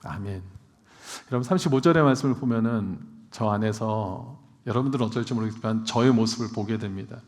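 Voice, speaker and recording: A man's voice: fairly low pitch, brisk. Male pastor, sermon, rhetorical questions to the congregation, long church reverb. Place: church sanctuary.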